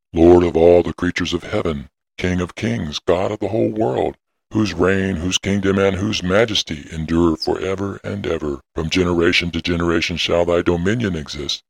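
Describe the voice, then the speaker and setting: A deep, husky ancient prophet. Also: male voice, dry recording. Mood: prayerful. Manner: solemn, intoning, archaic prayerful delivery. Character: ancient prophet Enoch, solemn elderly man. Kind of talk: dramatic audio reading.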